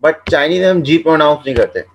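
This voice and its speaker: A man teaching Chinese pronunciation, repeating each sound several times and explaining in a relaxed, conversational way. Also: a little high, vocal fry, highs cut off, slight background noise. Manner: drills each sound slowly, repeating syllables. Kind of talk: classroom-style language lesson.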